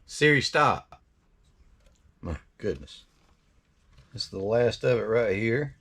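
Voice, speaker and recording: A man's voice: lowish voice, lively intonation, takes it slowly, background noise. A man giving a casual recipe demonstration as a cooking host, folksy and chatty, often half talking to himself.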